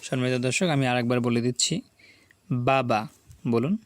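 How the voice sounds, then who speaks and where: A man teaching Quran reading, sounding out each syllable slowly and patiently and repeating it for learners to echo. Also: medium pitch, flat delivery, smooth. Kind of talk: slow spelling drill lesson.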